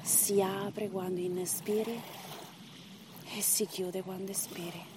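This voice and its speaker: A woman with a medium-pitched voice leads a breathing meditation. She speaks very slowly, in measured short phrases and counts with open pauses. Clearly audible ambient noise, like running water, sits behind her voice. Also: little pitch movement. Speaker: guided breathing meditation instructor.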